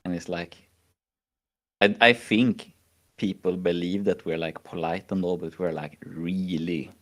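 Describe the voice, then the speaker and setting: Speaking at a measured pace, a Swedish-accented man keeps his deep voice fairly even. It's casual stream talk: he rambles, mocks, and leans heavily on "like" and "you know."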